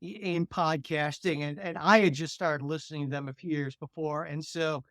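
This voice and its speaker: A man's voice: on the high side, steady tone, normal speed, a bit bright, no room sound. Man, political science teacher, podcast host, earnest, reflective, dry close sound. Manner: earnest, reflective, repeats words as he thinks. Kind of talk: interview answers.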